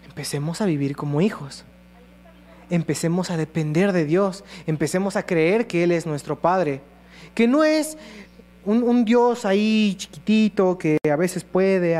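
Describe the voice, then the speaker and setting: A high-pitched man preaches a sermon in earnest tones. He slips into short acted voices for prayers and quotes. A faint electrical hum sits under his voice. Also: expressive, unhurried, a little mellow.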